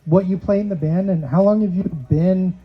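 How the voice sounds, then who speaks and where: Higher-voiced male host, slightly muffled. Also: fairly even intonation, a little fast, soft background music. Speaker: show host. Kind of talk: casual interview hosting.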